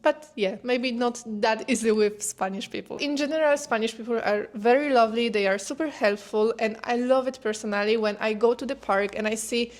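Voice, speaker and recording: A young Polish woman speaking English as a second language in a relaxed, chatty way. Her voice sits a little high, and she often breaks into laughter. Her phrasing has the small slips of a non-native speaker. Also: fairly quick, few pauses. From Poland. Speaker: co-host. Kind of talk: casual chat.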